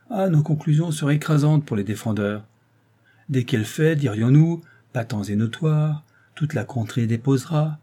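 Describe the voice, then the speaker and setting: A man voicing a sly, scheming older lawyer who flatters and insinuates in an audiobook. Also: medium pitch, natural voice. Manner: wheedling and insinuating.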